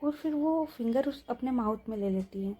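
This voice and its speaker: A young woman tells a story in a relaxed, chatty manner, often checking in with her listeners. Her voice sits fairly high but sounds very mellow and husky. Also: moderate pace. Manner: chatty, talks to listeners with asides. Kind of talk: casual story narration.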